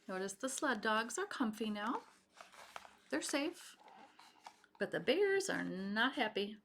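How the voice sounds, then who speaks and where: A storybook reader reads a children's story aloud expressively, animated and asking questions directly of young listeners. Her voice is fairly high and slow with vocal fry, and a little hiss or hum sits in the recording.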